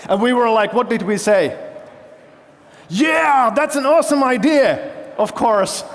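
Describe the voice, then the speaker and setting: Male CEO, fairly high voice, keynote storytelling with audience questions, long hall echo. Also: lively intonation, a little slow. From Finland. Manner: engaging, quizzes the audience with show-of-hands questions. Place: large festival hall stage.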